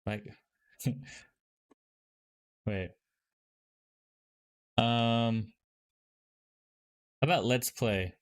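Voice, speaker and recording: A man hosting a livestream over a headset mic, chatting casually and loosely with lots of fillers as he greets viewers and tests software. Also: medium pitch, steady tone, extremely slow, long pauses, smooth. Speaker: livestream host. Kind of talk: casual livestream chat while testing software.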